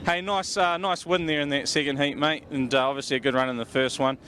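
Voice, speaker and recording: A man's voice: on the high side, fairly even intonation, fast talker, fairly bright tone. A man with a broad New Zealand accent doing casual, slangy interviews as a trackside reporter outdoors. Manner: broad, matey Kiwi way of talking with slang. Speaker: pit-lane interviewer. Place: outdoors in speedway pits. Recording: outdoor recording with faint vehicle noise.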